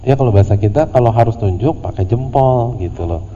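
A man teaching a religious study class in a relaxed, conversational way, with humorous slang asides. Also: medium pitch, a little fast. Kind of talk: casual religious study lecture. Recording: lo-fi audio in a reverberant hall with faint noise.

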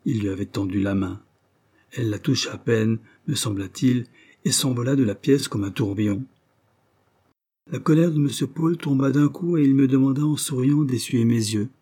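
A man reading a novel aloud as an audiobook narrator, in a measured, literary way. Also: mid-range voice, mellow. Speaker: audiobook reader. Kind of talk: scripted narration.

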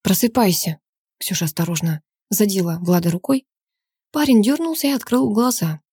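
A woman's voice: medium pitch, brisk, breathy edge, no echo, clean studio sound. A woman narrating a novel chapter as an audiobook, reading the dialogue with feeling. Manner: voices all characters in one expressive reading. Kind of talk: scripted narration with acted dialogue.

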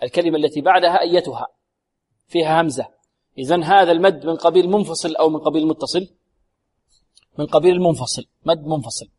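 A man, a sheikh teaching Quran recitation, speaks in a slightly high voice. He draws words out slowly, repeats them and quizzes his students. A long hall reverb trails behind every phrase. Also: a little mellow, breathy edge.

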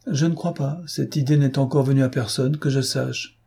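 A man voicing a gentle, tactful princess who softly admonishes a young girl in a read novel. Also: mid-range voice, fairly even intonation, moderate pace, gravelly, slightly rough, pitched above the performer's own voice.

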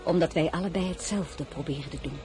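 As lead actress and first-person narrator of a radio drama, a woman with a low voice plays a proud, candid young royal, speaking formally and with restraint. Her brisk, lightly acted delivery sounds guarded yet resolute, with music behind her.

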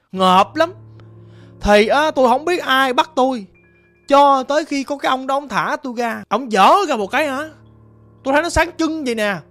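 A vengeful young ghost, voiced by a woman narrator speaks in a Southern Vietnamese accent, plaintive and rambling as she repeats her grievances. Her voice sits a little high, with soft music drifting behind the storytelling.

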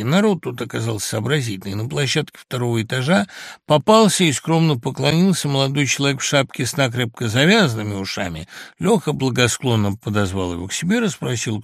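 A male audiobook narrator reads a comic story with wry, lively timing. His voice has a mid pitch, a gravelly texture and a very animated melody. The recording is dry and close, with no room echo.

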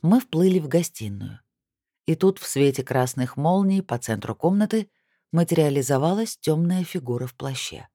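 Expressive audiobook narrator, mellow dry voice. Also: moderate pace, no room sound. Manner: expressive, lifts pitch for the heroine's lines. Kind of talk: first-person audiobook narration.

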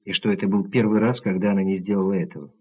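A man reading the part of a calm, analytical doctor who lays out his reasoning methodically, in a husky low voice on tinny audio. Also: rapid-fire. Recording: tinny narrow-band audio.

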